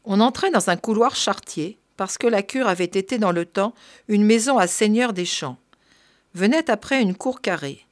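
A woman narrating a story in a measured, even reading voice. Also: medium pitch, no echo, clean studio sound. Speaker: reader.

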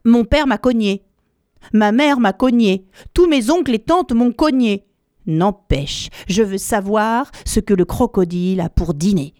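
A woman's voice: medium pitch, a little slow, a little mellow, no room sound, studio quality, close to an everyday voice. A woman voicing a small, curious young male elephant who asks his questions with eager, pleading politeness. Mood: insistent.

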